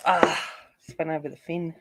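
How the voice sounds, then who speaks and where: Against a noisy background, a coloring channel host chats casually with live viewers as she colors, rambling and full of fillers. Her deep voice is flat at normal speed, and she says it isn't soothing.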